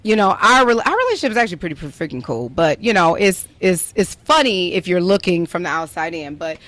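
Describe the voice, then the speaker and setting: Speaking fast in a sing-song way, this young adult woman has a lowish, fairly bright voice. She's a podcast host, casually chatting and telling a story with lots of "like" thrown in, all in a playful mood.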